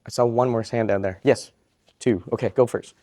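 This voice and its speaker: A Vietnamese psychiatrist with a warm, mid-range voice speaks briskly in a steady tone. He gives a live question-and-answer talk to students, upbeat and joking, and repeats each question back before answering.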